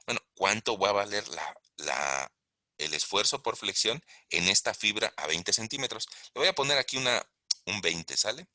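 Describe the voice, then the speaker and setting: A man's voice: fairly low pitch, animated, moderate pace, sharp tone, dry recording, studio quality. A man giving a recorded online engineering lesson, explaining step by step and asking the class questions. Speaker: engineering lecturer. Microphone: close mic while writing on a tablet.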